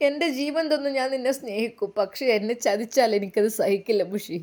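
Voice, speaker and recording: A woman's voice: on the high side, a little fast, a little mellow, natural voice. A woman voicing a jealous, suspicious young husband who accuses and pleads through tears in a dramatized story reading. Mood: pleading.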